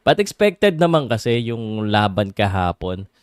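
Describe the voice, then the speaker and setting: A man with a Filipino accent hosts a casual boxing livestream, chatting with viewers and switching between English and Tagalog in a halting way. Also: lowish voice, big pitch swings, clear, resonant tone, no room sound, clean studio sound. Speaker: livestream host and boxing commentator.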